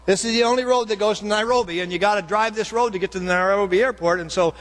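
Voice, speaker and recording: A preacher putting on an excited village man. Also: high-pitched, quick pace, voice pushed up, lightly acted. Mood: eager. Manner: eager, exclaiming, repeating himself. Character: excited older African village man, friendly.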